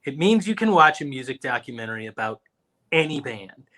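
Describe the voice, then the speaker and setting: Speaking fairly fast at a medium pitch, this podcast co-host spins lively anecdotes during casual chat. He puts on silly voices to quote and mimic the people in his stories.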